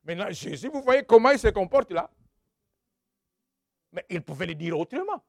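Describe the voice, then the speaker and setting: A man preaching a sermon who reads scripture, exclaims hallelujah and questions his congregation, swinging from loud outbursts to quiet asides. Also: high voice, sing-song, moderate pace, vocal fry, no echo, studio quality.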